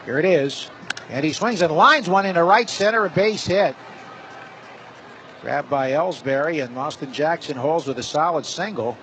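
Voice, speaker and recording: Broadcasting radio play-by-play of a baseball game, a man speaks from the stadium booth at a moderate pace in a voice on the high side. Loud, constant ballpark ambience fills the background, and the audio quality is poor.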